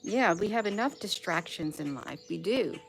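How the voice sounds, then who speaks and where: A woman hosting a laid-back porch live stream speaks to her viewers in a folksy style, repeating phrases to stress them, as wind chimes tinkle and birds sing outdoors. Her voice is on the low side and creaky, with lively intonation at a moderate pace.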